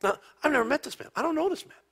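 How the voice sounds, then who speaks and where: A man preaching a conversational sermon as a pastor, telling stories and often dropping to a hushed near-whisper. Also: very high-pitched, lively intonation, very fast.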